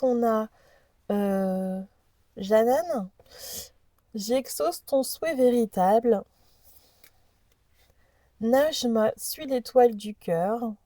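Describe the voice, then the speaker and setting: Slow, mellow-voiced woman reading oracle cards. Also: a little high, no echo. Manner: hesitant, stumbling over unfamiliar names. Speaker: host presenting an oracle deck. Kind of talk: casual chat, reading card messages aloud.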